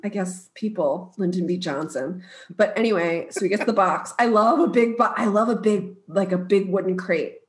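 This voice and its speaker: A woman's voice: mid-range voice, normal speed. A young woman co-hosting a podcast, chatting casually in a jokey, self-deprecating way. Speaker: podcast co-host. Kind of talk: casual chat.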